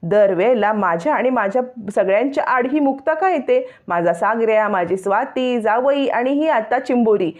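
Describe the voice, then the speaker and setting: A woman's voice: on the high side, lively intonation, normal speed, few pauses, darkish tone, muffled recording, voice pushed up, close to an everyday voice. A woman doing a bitter jealous mother-in-law. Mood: angry. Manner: accusing, scolding.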